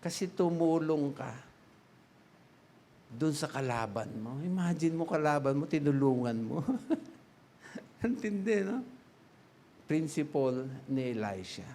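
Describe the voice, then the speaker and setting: High-voiced, unhurried male pastor. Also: lively intonation, dark tone, a little hiss or hum. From Philippines. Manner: chatty, laughs often, quizzes the congregation, mixes English in. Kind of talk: sermon.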